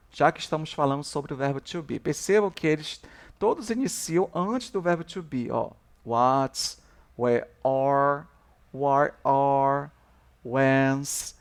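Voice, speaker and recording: A male English teacher works through a review lesson at an unhurried pace. He draws out each English model word slowly and often says it twice, then slips into lower, quicker asides between them. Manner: slow, drawn-out English model words repeated for practice; explains in Portuguese, drops low and quick on asides. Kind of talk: recorded review class.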